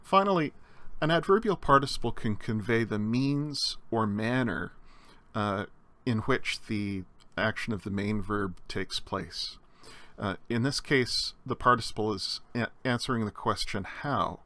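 Bright-voiced man explaining grammar. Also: fairly low pitch, a little slow. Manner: explanatory, frequent uh fillers and restarts. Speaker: Greek lecturer. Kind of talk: recorded slide lecture.

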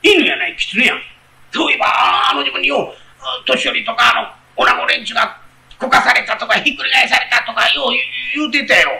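A man with a Kansai accent telling a comic story on stage, animated and switching quickly between characters. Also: very high-pitched, vocal fry, roomy sound, poor audio. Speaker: rakugo storyteller. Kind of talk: comic storytelling, playing every part.

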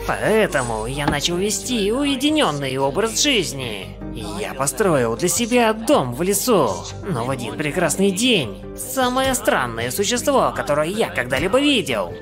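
Someone doing a smug evil inventor guy, theatrical drawn-out gloating, cartoon villain, swoopy pitch, music under. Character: smug male mad-scientist inventor, theatrical villain telling his story. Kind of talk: animated cartoon dub. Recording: music behind the voice.

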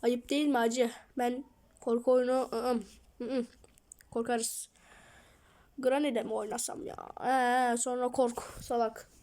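A woman's voice: a little high, flat delivery, takes it slowly, darkish tone. A woman hosting her gaming channel, jumpy and self-mocking, talking to herself through a horror game at home. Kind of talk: horror game let's play commentary.

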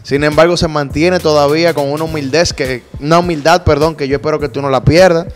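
A man's voice: a little high, steady tone, quick pace, faint music behind. A man with a Dominican accent hosting an interview show on a handheld mic, talkative and teasing, with a lot of street slang. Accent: Dominican Spanish. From Dominican Republic. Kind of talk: casual interview. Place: lounge bar set indoors.

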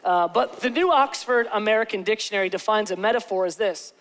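A man in his forties preaching a sermon as pastor on a large church stage, joking and often asking the crowd "okay?", slowing down on key words. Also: sits high, a bit bright.

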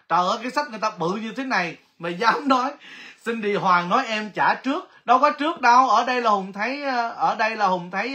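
A man hosting a casual livestream giveaway, chatty and excitable, exclaiming often. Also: high voice. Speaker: livestream host.

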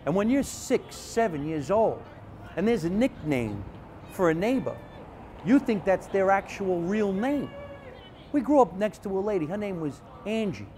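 A man, a comedian telling animated stories from his childhood in a casual interview. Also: high-pitched, moderate pace, a little hiss or hum. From Jersey City, New Jersey. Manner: animated, chatty storyteller with frequent restarts. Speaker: comedian, guest.

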